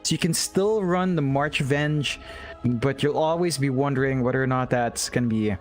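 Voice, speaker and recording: A man casting an esports match, giving quick analytical draft commentary with stammered restarts. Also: medium pitch, faint music behind. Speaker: esports caster.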